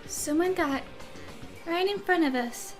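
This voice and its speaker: A man's voice: extremely high pitch, measured pace, soft background music, pitched above the performer's own voice. A man voicing a nerdy, dramatic young otaku student while reading game dialogue, switching into a mock-robotic announcement tone.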